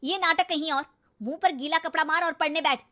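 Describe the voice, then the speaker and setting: A woman voicing an exasperated, sharp-tongued mother and housewife who nags with sarcasm in an animated story. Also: high voice, brisk, pitched above the performer's own voice. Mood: scolding. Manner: sarcastic, nagging, exclamatory.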